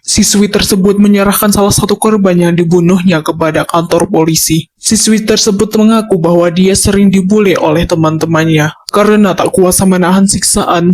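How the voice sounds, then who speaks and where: A woman's voice: on the low side, lightly acted. A woman voicing a female TV news anchor reading a report formally. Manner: formal, even delivery.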